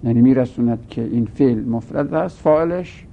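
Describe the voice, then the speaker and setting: A man explains grammar step by step, drawing out his words and asking questions he then answers himself. His gravelly voice comes over a tinny, phone-like line with a faint rumble.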